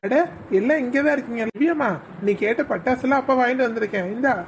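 A woman voicing a gentle worried cartoon dad. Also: a little high, quick pace, slight background noise, natural voice. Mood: coaxing. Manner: coaxing, reassuring, pleading. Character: caring young father, gentle and worried.

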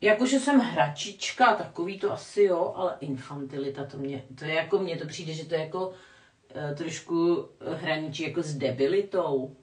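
An older woman with a fairly low voice rambles through a casual live-stream chat, self-mocking and prone to laughing. She sits a little back from the mic in a roomy space with a clear echo. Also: animated, recorded from a distance. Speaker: vlogger reading live chat. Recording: echoey room, voice a bit off-mic.

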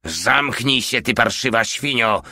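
A man's voice: lowish voice, a little slow, sharp tone, no echo, clean studio sound. A man voicing an eager hot-tempered soldier. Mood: eager, angry. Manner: eager, snapping.

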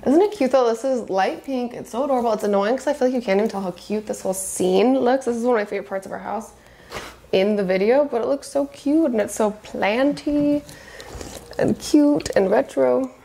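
A woman's voice: on the high side, brisk, vocal fry, warm tone, a little hiss or hum. A woman in her twenties giving a gushing, casual house tour of her small apartment. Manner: bubbly, gushing, says cute a lot. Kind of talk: casual chat. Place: small apartment kitchen and living room, indoors.

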